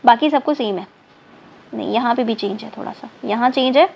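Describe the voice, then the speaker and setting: Brisk and gravelly, with a darkish tone on the high side, a woman teaches chemistry online in a rough recording with faint background noise. She counts, spells terms letter by letter and repeats them, works in English terms, and keeps checking in with "thik hai na".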